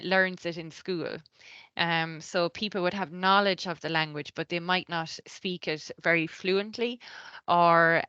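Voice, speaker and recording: A woman's voice: on the low side, sharp tone, clear, resonant tone, no room sound, highs cut off. An Irish woman giving a training talk, explaining patiently step by step with frequent ums. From Ireland. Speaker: cultural awareness trainer.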